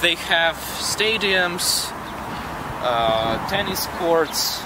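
A young man with a Russian accent giving a halting, filler-heavy walking tour outdoors on a camera mic. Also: fairly high pitch, expressive. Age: young adult. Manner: halting, lots of fillers and restarts. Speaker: vlog host and city guide. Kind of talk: casual walking tour talk. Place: outdoors on a city campus street. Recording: loud wind noise on camera mic.

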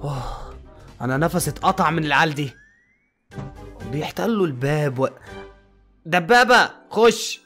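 A man's voice: on the high side, lively intonation, moderate pace, long pauses, sharp tone, faint music behind. A man with an Egyptian accent voicing an exasperated male doctor at an asylum, scolding and then coaxing his patients. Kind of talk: fan-made game movie voice acting.

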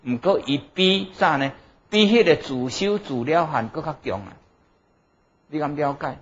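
A middle-aged Buddhist monk with a Taiwanese Hokkien accent lectures in a somewhat high male voice. He teaches didactically, punctuating his points with short interjections and questions to check understanding. The recording is a little dull and lo-fi. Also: expressive, a little slow. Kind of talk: Dharma lecture. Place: indoor lecture room at a desk before a blackboard.

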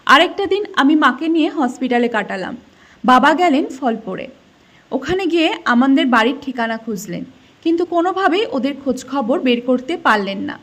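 High-voiced woman telling a sad story. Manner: dramatic, emotional storytelling. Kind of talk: first-person story narration. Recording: dull lo-fi recording.

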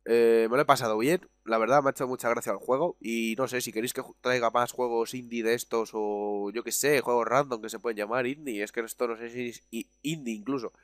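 A young man with a Spain Spanish accent doing let's play commentary, swearing and yelling in frustration, then chatting in a relaxed way. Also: medium pitch, a little fast, few pauses, no room sound. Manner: laid-back chatty outro. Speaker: gaming youtuber.

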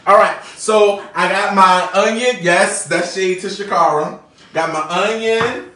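A man's voice: sits high, unhurried, sharp tone. A man hosting a casual live cooking demo in his home kitchen, chattily greeting viewers by name and punctuating his steps with "bam.". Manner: chatty, keeps calling out to viewers by name, says "bam" and "people". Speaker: home cooking show host. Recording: roomy kitchen, distant mic, faint music.

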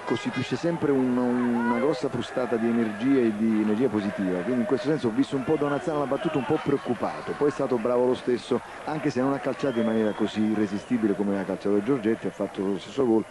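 A man's voice: mid-range voice, fast, few pauses. A middle-aged man giving analytical football commentary as a co-commentator, in a reflective, conversational, explanatory way. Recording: clear outdoor stadium noise.

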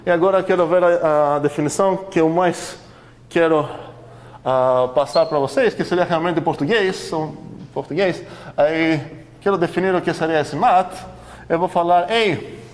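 A man's voice: on the high side, normal speed. A man lecturing a university class in a conversational way, questioning the students often, with many fillers.

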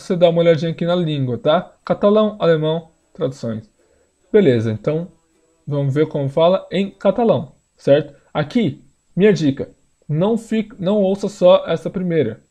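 Male teacher, slightly high, mellow, patient explainer, faint music under the voice. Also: animated. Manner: explanatory, repeats words slowly for learners. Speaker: language teacher. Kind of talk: screen-share pronunciation lesson.

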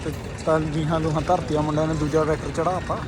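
Punjabi guy vlogging, high pitched, hearty casual banter, really noisy tractors and cars behind him. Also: little pitch movement, fast. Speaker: vlogger at a village tractor competition. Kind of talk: casual outdoor vlog commentary. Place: outdoors among tractors and vehicles. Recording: very noisy outdoor vehicle and engine sound.

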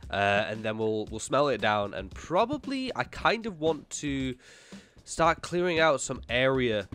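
Casually commentating a gameplay video, a young gaming YouTuber chats to himself and talks to the game in a jumpy, chatty way. His voice is medium in pitch and fairly bright, slightly nasal from a cold.

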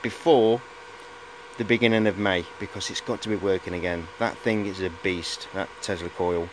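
Speaking at a moderate pace with a deep voice and fairly even intonation, a man in his forties gives a casual show-and-tell of his high-voltage equipment. His chat is hesitant, rambling and matey, typical of a hobbyist. A handheld camera at arm's length records him in a cluttered indoor workshop, with background noise clearly heard.

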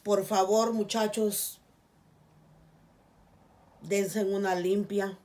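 Extremely slow and steady, a mid-range voice with a dark tone belongs to a middle-aged Guatemalan woman with a Guatemalan Spanish accent. She is vlogging in a small curtained room, camera in front of her, earnestly pleading with viewers in a casual, heartfelt appeal and repeating "please, guys."

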